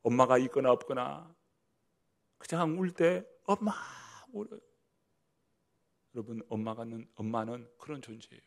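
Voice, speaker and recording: A male pastor preaching a sermon in a church service, swinging from loud emphasis to hushed whispers and asking the congregation direct questions. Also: medium pitch, normal speed, creaky, pauses often.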